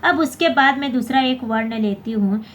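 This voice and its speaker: A woman's voice: a little high, normal speed, a little hiss or hum. A woman teaching a basic grammar lesson, often asking "theek hai" and correcting her own slips. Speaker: Hindi teacher.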